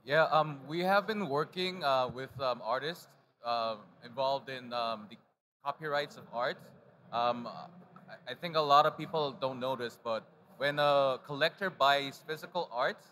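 Bright-voiced man, hesitant panel speaker. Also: mid-range voice, unhurried, a little hiss or hum. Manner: hesitant, many ums and uhs. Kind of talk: conference panel talk. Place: large conference stage. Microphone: handheld mic.

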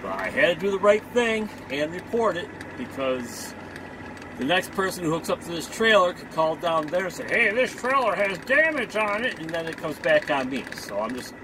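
A man's voice: a little high, sing-song, moderate pace. A man in his forties, a truck driver vlogging from his cab on a headset mic, talking casually with wry sing-song asides and some grumbling. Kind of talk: casual vlog narration. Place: inside a truck cab while driving. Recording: road noise in a truck cab. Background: engine and road noise.

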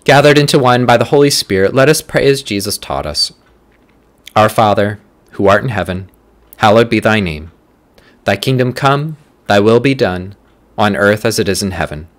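A man reading scripture and leading prayers for a church's morning prayer, in a measured, deliberate way, phrase by phrase. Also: lowish voice.

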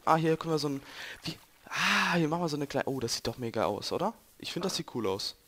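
With a little high voice, quick pace, fairly bright tone and lively intonation, a young German-accented gamer jokes around with viewers during a let's play. The casual commentary comes from a noisy home recording.

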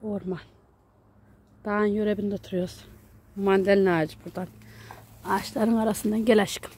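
A mother who vlogs walks through her country garden near a mountain, chatting with viewers and her little daughter on a handheld camera for a casual garden tour. Her voice is medium-pitched and a little mellow, with fairly even intonation and a normal speed. A little hiss or hum sits under the audio.

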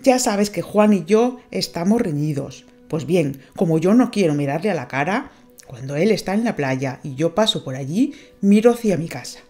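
A woman voicing a quick-tempered, jealous young sailor boy in a storybook, speaking in a halting, strained way. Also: lowish voice, lively intonation, a little mellow, faint music behind, lightly acted.

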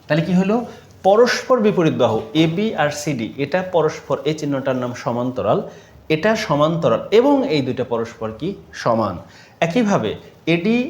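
A man's voice: fairly high pitch, darkish tone, reverberant. A man teaching a math lesson patiently, repeating key terms and asking questions before he answers them. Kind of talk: classroom-style math lesson.

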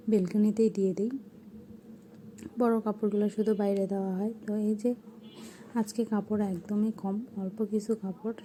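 A young woman narrating her home vlog in a soft, hushed voice-over. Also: mid-range voice, slight background noise. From Bangladesh. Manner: soft, hushed talk so a sleeping child stays asleep. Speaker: vlogger.

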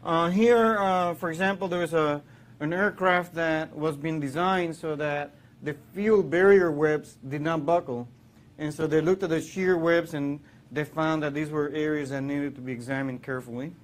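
A man's voice: on the high side, steady tone, moderate pace. A man from Puerto Rico, in his thirties, giving a classroom engineering lecture, explaining with many fillers and restarts. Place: lecture hall.

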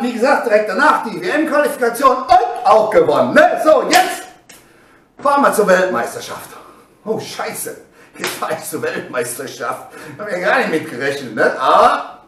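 A middle-aged man tells old stories in a very high, bright voice that swings widely in pitch. He keeps asking "ne?" and breaks into shouted exclamations. He sounds echoey and a little way from the mic. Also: recorded from a distance. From Germany. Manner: animated, tags nearly every phrase with "ne?", bursts into shouted exclamations. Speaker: bodybuilder telling his past. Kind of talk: casual storytelling. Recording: echoey room, voice away from the mic.

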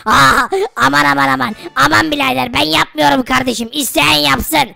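A woman voicing a cowardly poor family father in a Minecraft role-play video, loud and complaining. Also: high-pitched, steady tone, moderate pace, vocal fry, full character voice. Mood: scared, complaining.

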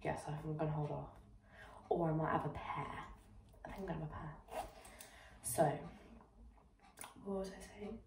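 Young woman, casual home vlog, gravelly, breathy whispered asides, chatty. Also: deep voice, normal speed, long pauses, background noise. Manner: chatty, rambling, self-mocking. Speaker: vlogger.

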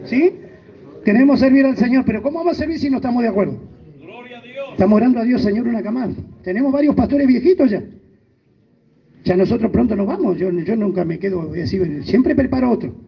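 A man's voice: very high voice, animated, a little fast, vocal fry. A man preaching a sermon as pastor, emphatic, with sudden rises and drops. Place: church. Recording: muffled lo-fi church recording.

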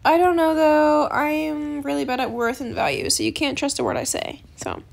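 A woman's voice: sits high, moderate pace, creaky. A woman hosting a gaming channel, chatting casually over her gameplay in a bubbly, giggly way and playing up small setbacks with mock melodrama. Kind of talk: casual game commentary.

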